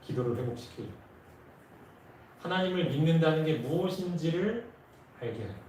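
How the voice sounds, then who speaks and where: A man's voice: on the high side, expressive, normal speed, a little mellow, a little hiss or hum. A man preaching a sermon, telling a story earnestly and rising with emotion at key moments. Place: church sanctuary. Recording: echoey church from far off.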